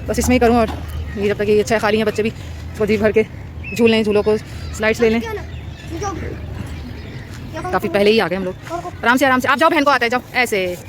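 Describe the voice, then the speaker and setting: A woman's voice: fairly high pitch, brisk, pauses often. A woman from Pakistan with a Pakistani Urdu accent, vlogging as a mother in an outdoor park. She narrates casually to the camera while coaxing and scolding her children. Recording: noisy outdoor park recording.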